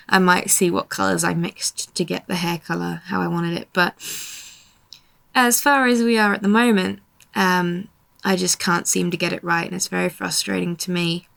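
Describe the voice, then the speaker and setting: A woman's voice: lowish voice, fairly even intonation, unhurried, gravelly, a bit bright. A young woman giving a casual voiceover about her painting, tired and yawning, grumbling at herself in a self-deprecating way. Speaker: artist narrating her painting.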